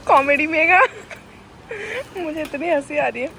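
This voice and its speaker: A young Indian woman chats and jokes through a casual street vlog, phone in hand, her high voice a little slow, gravelly and sharp in tone. The low-quality recording picks up faint outdoor street noise.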